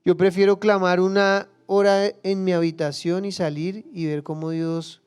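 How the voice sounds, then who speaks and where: Passionate preacher with a high, smooth voice. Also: male voice, little pitch movement, moderate pace, faint music behind. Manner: passionate, swings from hushed asides to loud acted cries; acts out biblical figures and prayers in quoted voices. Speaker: pastor. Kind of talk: sermon.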